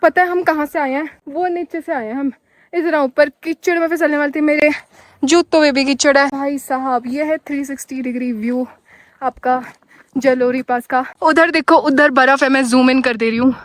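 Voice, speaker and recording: A young woman from Himachal Pradesh, India, with a high, Pahari-tinged Hindi voice, excitedly chats straight to viewers in her solo motorcycle travel vlog. Filmed on a handheld camera on a snowy mountain pass, she speaks at a moderate pace, sounds a little breathless from the altitude, and there's no room sound.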